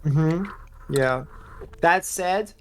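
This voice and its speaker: A man's voice: on the high side, drawn-out words, slight background noise. Rambling man co-hosting a game stream. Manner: rambling, playful, trails off. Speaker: let's play co-host. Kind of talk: casual gaming commentary.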